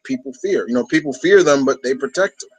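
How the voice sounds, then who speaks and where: A man's voice: mid-range voice, expressive, fast, husky, low-quality recording. A man from New York hosting a fan discussion, chatting casually in a rambling, enthusiastic way. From New York, United States. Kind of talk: casual chat.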